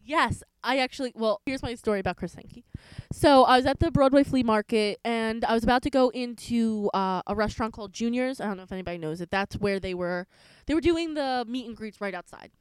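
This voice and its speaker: A woman's voice: a little high, fairly quick, smooth, no room sound, low-quality recording. A young woman co-hosting a podcast, telling stories in a chatty way full of fillers. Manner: chatty storyteller, many "like" fillers. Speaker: podcast co-host. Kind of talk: casual chat.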